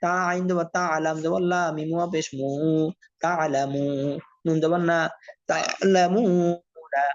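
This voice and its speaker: A man from Bangladesh, teaching Quran reading by spelling letters one at a time and blending them slowly, asking his learners questions. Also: fairly high pitch, steady tone. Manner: addresses learners directly, asks and answers own questions. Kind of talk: slow spelled-out recitation lesson. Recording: dull lo-fi audio.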